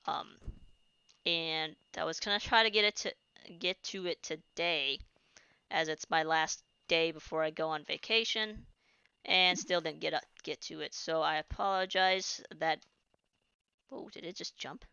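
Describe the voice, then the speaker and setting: A woman streaming a game talks a little slowly in a deep, creaky voice that sounds pushed, bright and smooth, with no echo. She rambles, restarts sentences and is audibly getting tired, all on dull lo-fi stream audio.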